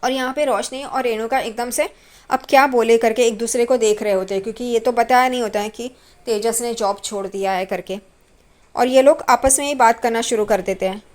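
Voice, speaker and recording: High-voiced woman retelling a TV serial. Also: fairly even intonation, a little fast. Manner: chatty, reads the characters' lines in quotes. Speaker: TV serial recap narrator. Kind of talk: casual storytelling recap.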